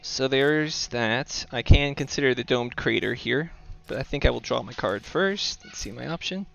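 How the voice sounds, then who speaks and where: Playing a board game on stream, a relaxed young East Coast American narrates his moves and reads chat messages aloud to viewers. He speaks at normal speed in a mid-range voice with vocal fry, over faint music in a muffled recording.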